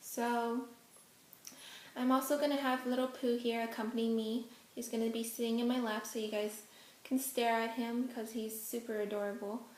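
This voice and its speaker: A young woman vlogger whose first language is Hokkien chats casually through a Q&A at home, her face out of frame, full of ums and giggly asides. Her voice is a little high and level at normal speed, and the room sounds reverberant with slight background noise.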